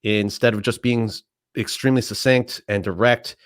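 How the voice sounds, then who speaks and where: Veteran man co-hosting, animated and dry-voiced. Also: lowish voice, normal speed, clean tone, dry recording. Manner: animated, acts out quoted remarks. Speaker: podcast co-host, military veteran. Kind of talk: casual podcast conversation.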